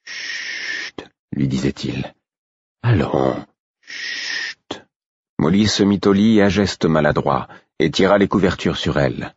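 A man narrating a story in the first person, reading in a calm and measured way. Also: low-pitched, breathy edge, no room sound, lo-fi sound. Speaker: audiobook narrator.

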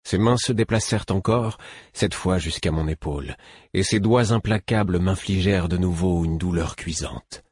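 Narrateur de livre audio, voix d'homme très grave et voilée, enregistrement sec et proche. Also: male voice, deep voice, moderate pace, a little mellow, slightly rough, no echo, clean studio sound. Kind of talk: first-person novel narration.

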